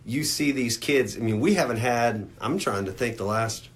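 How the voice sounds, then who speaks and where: A man's voice: medium pitch, moderate pace. A man hosting a podcast interview in a studio, talking casually with many fillers and restarts. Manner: rambling, lots of fillers and restarts. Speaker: podcast host. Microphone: studio microphone.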